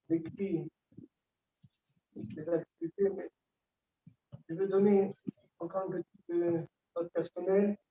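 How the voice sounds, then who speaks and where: A grieving son gives a halting funeral eulogy, full of repeated words and long pauses, clearly moved. His voice is high-pitched and mellow, picked up by a distant, dull mic in an echoey hall.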